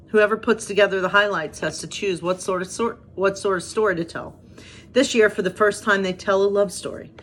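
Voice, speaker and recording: A woman's voice: medium pitch, a bit bright. Woman in her thirties, pastor, chatty, self-deprecating, easygoing devotional talk, mid-range voice, faint background hiss. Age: 30s. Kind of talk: casual devotional video talk and reading aloud.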